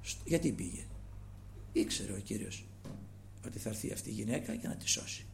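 A male preacher giving a sermon, emphatic, moving between loud passages and hushed ones, asking the congregation rhetorical questions. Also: fairly low pitch, lively intonation, gravelly.

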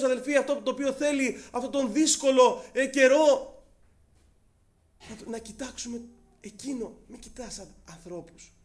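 A male preacher giving a fervent sermon, addressing the congregation as brothers, with frequent hesitant fillers. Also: very high-pitched.

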